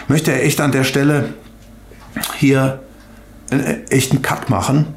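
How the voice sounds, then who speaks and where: A man's voice: mid-range voice, little pitch movement, unhurried, slight background noise. An older man preaching a sermon and leading a prayer, fervent and emphatic, speaking straight to his listeners and often repeating words. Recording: echoey room.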